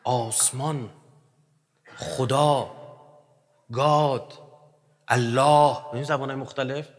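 Lively male lecturer in a reverberant hall. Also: mid-range voice. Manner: animated, joking, swings between loud and quiet. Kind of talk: religious lecture.

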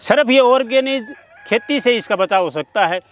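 Man, middle-aged, poultry farmer, earnest step-by-step explanation, high voice. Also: normal speed, a bit bright. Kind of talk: outdoor interview. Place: outdoor farm among chickens. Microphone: handheld mic at mid distance. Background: chickens clucking and crowing.

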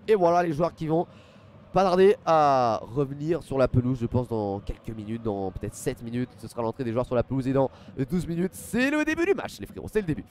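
With a mid-range, darkish voice and a little hiss or hum, a young French streamer sits at his desk in a small room at home on a headset mic. He casually chats through live pre-match football talk, reading chat, using many fillers and thanking viewers by name.

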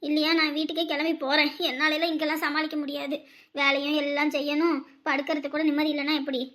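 A woman's voice: high-pitched, little pitch movement, quick pace, a bit bright. A woman playing a complaining, scheming middle-aged mother-in-law in a family drama. She has a Tamil Nadu accent and moans as she talks. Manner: whiny, moaning complaints.

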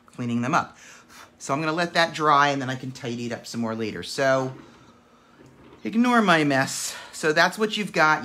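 A man with a gravelly voice, chatting and counting aloud as he demonstrates a painting craft. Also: medium pitch, bright, forceful tone. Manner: chatty, counts dots aloud while working. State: gravelly voice today. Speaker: craft instructor.

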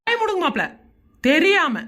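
A tipsy old father-in-law from a Tamil cartoon, voiced by a woman, his voice pitched very high and thin. He swings between slurred fondness and a stern family lecture. It is homemade animation voicing. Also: sing-song, moderate pace, fairly bright tone, exaggerated voice. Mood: stern scolding. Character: tipsy doting old father-in-law, later a scolding patriarch.

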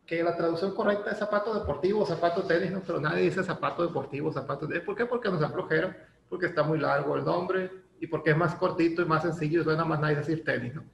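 A man's voice: a little high, fast talker, creaky, hardly any pauses. A man with a Mexican Spanish accent teaching an English lesson in a chatty way, using lots of fillers and tag questions. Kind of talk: casual classroom lesson. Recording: echoey room with faint ambient noise.

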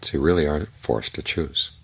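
An older man, a Buddhist monk, giving a calm, measured evening Dhamma talk with unhurried pauses and a husky voice. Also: extremely low pitch.

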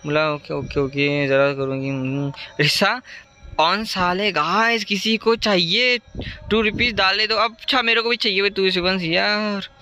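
High, bright-voiced man streaming a game. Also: fairly even intonation. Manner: chatty, repeats words in rapid strings, reacts to chat. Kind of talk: live gameplay commentary. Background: faint ambient noise.

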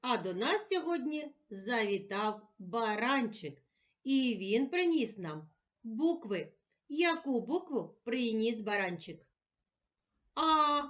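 Slow, lively woman teacher for children. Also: a little high. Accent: Ukrainian. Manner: slow, clear, sounding out syllables for young children. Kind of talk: children's reading lesson.

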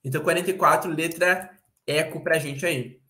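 A man's voice: fairly high pitch, fairly even intonation, normal speed, sharp tone. A man with a Brazilian accent teaching English in a casual, slangy live online class, often checking in with his students.

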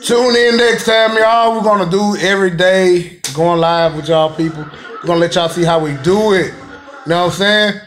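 A man's voice: high-pitched, normal speed, a bit bright. A man hosting a family vlog, trading laughing, profane, mock-threatening banter with relatives. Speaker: vlog host. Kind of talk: rowdy comedic family vlog.

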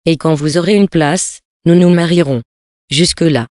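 Cool practical young woman in a story read aloud, done by the reader, calm and plain, dry sound. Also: mid-range voice, normal speed, dry recording, close to an everyday voice. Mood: businesslike.

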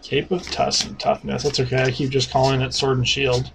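Opening cards on a table at home, this Canadian co-host in his thirties cracks jokes and calls out the names of the cards. He talks a little fast in a level, creaky, mid-range voice. The footage comes from a noisy home camera.

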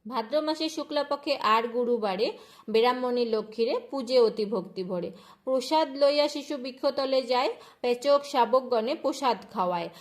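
Woman, slightly high voice, calm home-ritual instructor reciting verse. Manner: soft chanting of devotional refrains, rhythmic verse reading.

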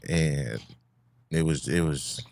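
Very deep-voiced man telling a story. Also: takes it slowly, creaky, darkish tone, a little hiss or hum. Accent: Midwestern American. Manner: laid-back storytelling with laughs and restarts. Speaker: guest rapper. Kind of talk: casual podcast chat. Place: small studio with dark backdrop. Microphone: studio mic with headphones.

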